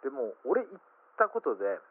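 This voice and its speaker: A man host telling an animated story on a casual radio talk show. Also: mid-range voice, brisk, breathy edge. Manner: animated storyteller acting out quoted voices. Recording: narrow phone-like radio sound.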